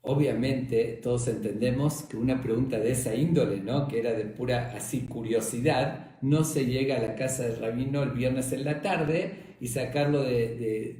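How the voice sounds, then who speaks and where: A male rabbi teaching a Talmud lesson as an animated storyteller. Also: mid-range voice. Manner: animated storytelling, acts out voices. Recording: echoey room.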